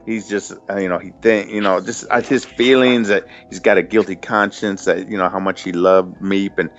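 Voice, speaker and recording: A man with a deep, low voice chats casually as a podcast co-host. He rambles, restarts and fills with "you know." The audio is dull and lo-fi. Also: steady tone, moderate pace. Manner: rambling, laid-back, many fillers and restarts. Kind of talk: casual chat. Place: Los Angeles.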